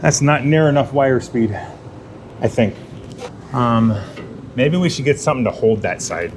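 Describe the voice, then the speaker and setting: Guy rambling to himself in his garage while he welds, jokey and self-deprecating, mid-pitched voice, bit of shop noise behind. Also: animated, unhurried. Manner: muttering asides, sometimes whispering. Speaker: garage channel host. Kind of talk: casual self-narrated shop vlog. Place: home garage workshop.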